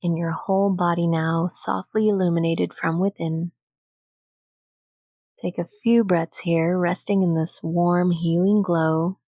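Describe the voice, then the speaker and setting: A woman with a lowish voice and fairly even intonation leads a guided meditation, soft and soothing, never rushing, and pausing long between phrases. The studio-quality recording has no echo.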